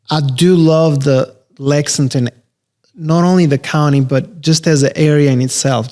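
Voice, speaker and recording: A man, a real estate investor talking casually as a podcast guest, relaxed and rambling with many fillers. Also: medium pitch. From Albania. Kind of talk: casual interview conversation.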